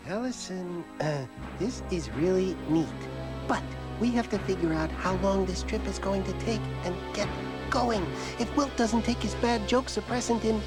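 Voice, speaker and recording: A woman's voice: mid-range voice, normal speed, over loud music, lightly acted. A woman playing an eager, melodramatic young sidekick on a rescue quest in a children's TV sketch. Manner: excitable, melodramatic.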